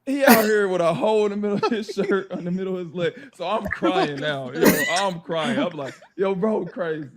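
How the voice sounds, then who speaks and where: A man telling a basketball story in casual chat, laughing and acting out teammates in loud high voices. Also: sing-song, fairly quick, hardly any pauses, heavy background noise. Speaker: former pro basketball player telling a story. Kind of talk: animated storytelling.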